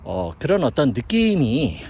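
A man's voice: medium pitch, wildly swooping pitch, unhurried, darkish tone, slight background noise. A middle-aged Korean man chatting casually as he walks up a hillside park, musing aloud about the places he sees. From South Korea. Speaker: vlogger living in China. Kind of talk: casual walking commentary.

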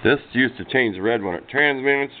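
A man with a mid-range voice, speaking at normal speed, presents a radio demonstration as a hobbyist. His explanation is casual and hands-on, rambling and folksy in its informality. The recording is noisy, muffled amateur camera audio.

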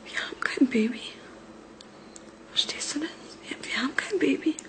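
Distraught young woman, whispery, breathless, desperate, high voice. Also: a little slow, gravelly, fairly bright tone, a little hiss or hum, exaggerated voice. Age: young adult. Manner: desperate, pleading. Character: distraught young woman patient after an accident.

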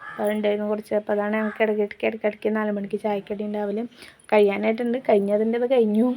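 A woman's voice: mid-range voice, a little hiss or hum. A young woman, chatting homely voice-over narration for her family vlog and addressing viewers directly. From Kerala, India. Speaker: family vlogger.

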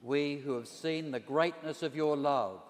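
Slow-praying priest with cathedral echo. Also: male voice, a little high. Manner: slow, measured, solemn intoning. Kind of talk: leading liturgical prayer. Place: large church. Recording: long echo of a large church.

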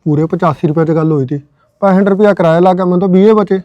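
A man playing a stingy husband who complains rapidly in a comic web series. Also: high voice, dry recording. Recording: dry, muffled lo-fi phone audio.

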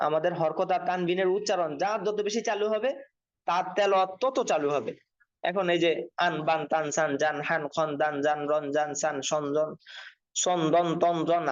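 A man's voice: on the high side, dull audio. A man teaching an online Quran reading class, patiently spelling out letters and their endings. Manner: patient, repeats drills slowly. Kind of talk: online Arabic letter lesson.

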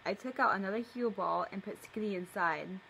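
In vlog fashion, a young adult woman who creates videos reads a story aloud at a middle pitch, repeatedly stepping away from it for playful, mock-indignant comments. Her delivery is fairly quick, gravelly and fairly bright. The rough recording, made on a camera a little way off in her living room, has faint noise behind her.

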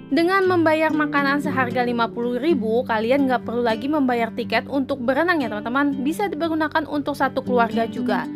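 Upbeat high-voiced woman narrating. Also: a little fast. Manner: upbeat, chatty, keeps addressing viewers as friends. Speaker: travel vlogger. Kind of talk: scripted voice-over narration. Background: background music.

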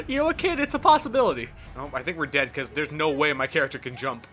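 Animated, sarcastic man joking over a game. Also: fairly high pitch, moderate pace. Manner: sarcastic, mock-exasperated. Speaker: gameplay video host. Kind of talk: joking gameplay commentary.

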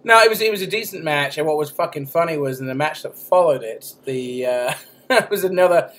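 A man's voice: a little high, fairly quick, fairly bright tone. A man co-hosting a podcast, talking casually, joking crudely and laughing often. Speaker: podcast co-host.

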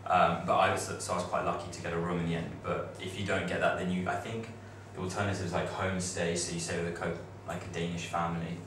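Rapid and monotone, with hardly a pause, a young male student on a study-abroad panel chats informally in a low voice to his classmates, often restarting and using fillers. A distant camera mic in the projector-equipped classroom leaves the recording echoey and noisy.

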